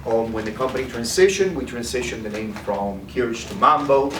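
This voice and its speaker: This sales presenter, medium-pitched and moderately paced, demos a product live in a food trade demo room and keeps tagging lines with "okay?". Echo, distant miking and noise mark the recording.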